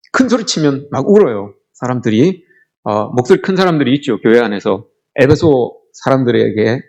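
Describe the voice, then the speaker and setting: Lively-voiced Korean pastor preaching. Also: male voice, mid-range voice. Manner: earnest storytelling preaching, addressing the congregation often. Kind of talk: sermon.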